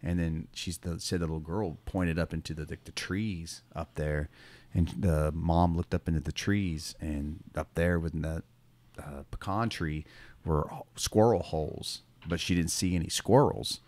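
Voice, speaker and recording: Low-voiced and moderately paced, with no room sound, a male schoolteacher co-hosting a podcast tells a relaxed, rambling story. He keeps saying "you know" and "um" and laughs every so often.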